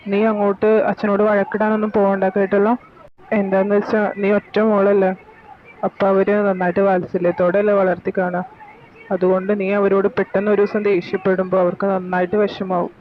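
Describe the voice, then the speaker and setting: A performer voicing a gentle, caring young boyfriend who reassures his girlfriend over a phone call. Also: medium pitch, flat delivery, a little fast. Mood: soothing. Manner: soothing, reassuring. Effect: phone call filter. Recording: tinny phone line, faint noise.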